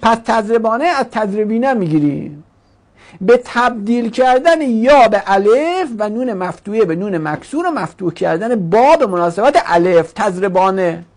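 A woman leads a grammar lesson in an expressive, mid-range, somewhat mellow voice. She fires questions at the class, answers them herself, and acts out the grammar forms as characters with their own voices.

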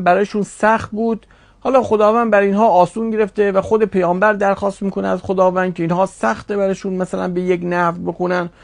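A man's voice: sits high, vocal fry, no echo. A man teaching a religious studies class, reasoning aloud and posing rhetorical questions to his students.

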